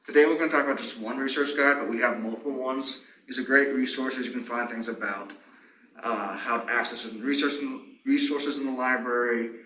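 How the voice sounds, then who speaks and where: A young man with a mid-range, slightly bright voice gives an informal instructional presentation as a library fellow. A face mask muffles his speech, and the recording is roomy, with a distant mic and faint noise.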